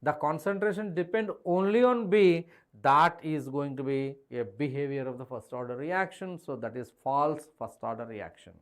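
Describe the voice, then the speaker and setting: A man's voice: fairly high pitch, moderate pace. A man with an Indian accent lecturing in a live online class, emphatic and repeating key phrases, mixing English with Hindi. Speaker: chemistry teacher.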